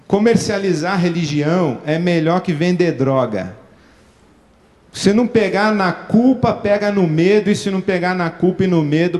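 A man with a Brazilian accent giving an animated, sardonic talk, acting out little scenes as he goes. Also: sits high. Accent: Brazilian Portuguese. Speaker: speaker. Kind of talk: critical talk on religion.

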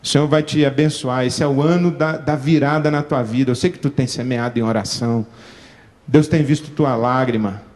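A man with a Brazilian accent playing a smooth, manipulative pastor who coaxes a churchgoer in a mock-earnest voice. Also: mid-range voice, steady tone, moderate pace, a little mellow, in a large hall, voice pushed down, natural voice. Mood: flattering. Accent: Brazilian Portuguese.

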